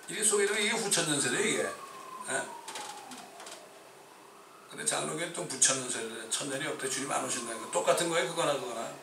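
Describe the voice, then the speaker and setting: A man's voice: mid-range voice, vocal fry, background noise. A male pastor preaching a sermon with a Chungcheong accent, emphatic and full of rhetorical questions. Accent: Chungcheong Korean. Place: church sanctuary. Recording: echoey church from a distance.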